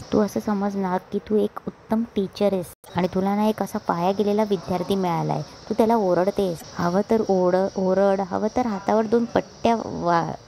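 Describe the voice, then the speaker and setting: A woman's voice: mid-range voice, vocal fry, dark tone, slight background noise, natural voice, low-quality recording. A woman reading the lines of a remorseful young husband pleading with his wife for forgiveness, in a plain narrating voice. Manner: read aloud in a plain narrating voice.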